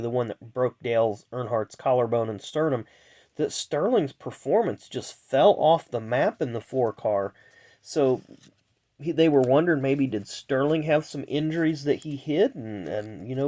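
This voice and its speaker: Dark in tone and mid-range, this man sounds congested and nasal, his nose clearly blocked. He rambles casually while hosting a racing trading card pack-opening video, reeling off names before slipping in asides.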